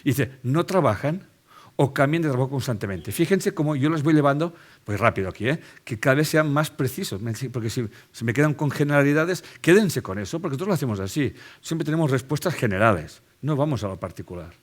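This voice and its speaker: Animated Spanish-accented man lecturing. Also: medium pitch, fast, hardly any pauses. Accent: Spain Spanish. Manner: lively, drives points home with rhetorical questions and tag checks. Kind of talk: live lecture to an audience.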